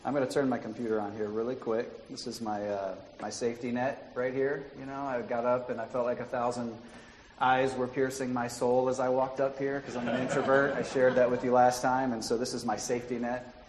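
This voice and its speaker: A man's voice: mid-range voice, little pitch movement, brisk, slight background noise. A man preaching a sermon in a church, his voice carrying a hollow tin-can sound through the hall speakers, with chatty self-deprecating asides. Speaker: lay preacher. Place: church sanctuary. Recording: echoey hall with long reverb.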